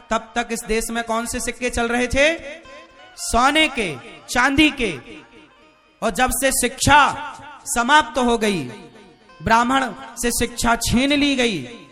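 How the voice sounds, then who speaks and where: A man's voice: extremely high pitch, sharp tone. A man preaching a fiery sermon to a live gathering, keeps asking the crowd for answers. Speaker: spiritual preacher.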